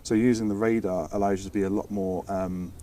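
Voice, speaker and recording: A British man explains technical air traffic control work in an informal, explanatory interview, pausing to hesitate and restart words. His lowish voice has a dark tone, fairly even intonation, and a fairly quick pace. The mic is distant, with faint ambience and background noise.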